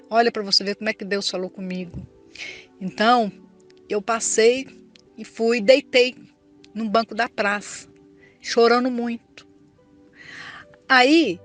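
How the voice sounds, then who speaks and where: Older woman, earnest tearful testimony. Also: medium pitch. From Brazil. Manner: earnest, tearful storytelling, addresses listener as brother. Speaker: church member giving testimony. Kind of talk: emotional personal testimony.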